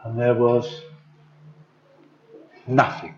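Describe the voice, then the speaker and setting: A man's voice: medium pitch, very slow, lo-fi sound, slight background noise. A man telling an interactive Bible story to children, directing them to act out the scenes. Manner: directs listeners to act parts, animated.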